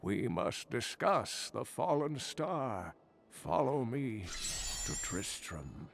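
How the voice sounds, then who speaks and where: An actor playing an earnest, grave elderly scholar in a video game, with a weathered, creaky voice. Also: male voice, medium pitch, sing-song, takes it slowly, exaggerated voice. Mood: grateful, earnest. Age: older. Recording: echoey, with faint background noise.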